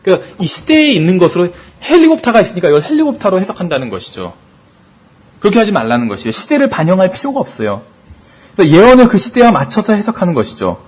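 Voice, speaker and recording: A man teaching a Bible study, his voice a little husky and pitched high. He moves quickly, leaning on rhetorical questions as he explains each point. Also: huge pitch swings, a little mellow.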